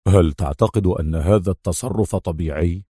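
Male reader doing a low, murmuring underling in a storybook reading, dry sound. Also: normal speed, breathy edge, no room sound. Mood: puzzled. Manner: low, hushed, questioning. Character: puzzled male restaurant henchman.

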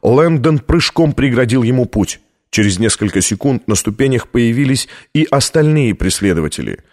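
A man's voice: medium pitch, lively intonation, normal speed, a little mellow. A man narrating an audiobook in a tense, dramatic reading. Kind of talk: scripted narration.

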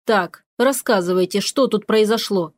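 A woman's voice: medium pitch, moderate pace, dry recording, close to an everyday voice. A woman voicing a stern witch, the mistress of the house, scolding and giving orders, in a storybook reading. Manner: scolding, commanding.

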